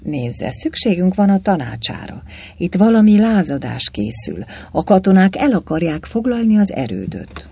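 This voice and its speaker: A man's voice: high voice, very animated, gravelly, dark tone, slightly rough, no echo, voice pushed up, exaggerated voice. A man reading an audiobook voices an eager, ambitious young cadet in the legion who talks urgently and insistently. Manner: urgent, pushy. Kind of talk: audiobook character voice.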